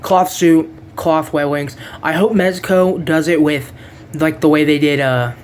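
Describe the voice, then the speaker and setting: Rambling, laid-back figure reviewer at a middling pitch, loses track of names and swears offhandedly. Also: fairly even intonation, measured pace, slight background noise. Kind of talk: casual unboxing review.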